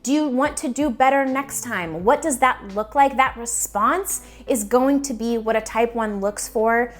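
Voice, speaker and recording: Young adult female vlogger, slightly high voice, casual, emphatic, playful delivery to camera. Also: a little slow. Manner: upbeat, emphatic, playfully repetitive. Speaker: YouTube host.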